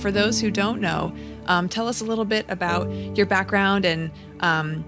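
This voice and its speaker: A woman's voice: medium pitch, steady tone, moderate pace, over music. A woman hosting a podcast interview, introducing the guest and giving brief, friendly encouragement. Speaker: podcast host.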